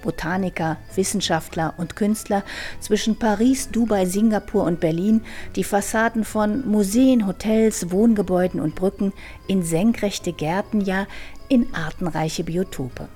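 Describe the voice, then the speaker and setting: A woman reporter giving scripted radio feature narration in a measured, descriptive way. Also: medium pitch, mellow, faint music behind.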